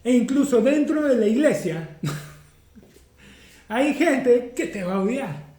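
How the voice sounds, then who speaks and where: A man's voice: very high voice, expressive, slow pace, dark tone, roomy sound. A man preaching a sermon as pastor, teaching through rhetorical questions. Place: church.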